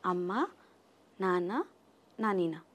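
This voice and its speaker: A woman's voice: lowish voice, expressive, slow pace. A woman interviewer in playful chat with a small child, asking teasing, coaxing, sing-song questions.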